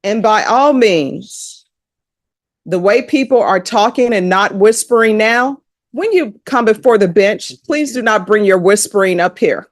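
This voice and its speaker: A woman's voice: mid-range voice, lively intonation, measured pace, no room sound, clean studio sound. A woman judge, presiding over a court hearing in a firm, direct manner.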